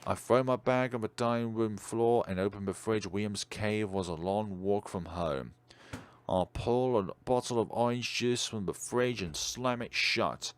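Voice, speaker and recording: With a lowish voice and measured pace, a man streaming a video game reads its visual novel narration aloud dramatically. Music plays underneath, and he now and then stumbles over a word and corrects it.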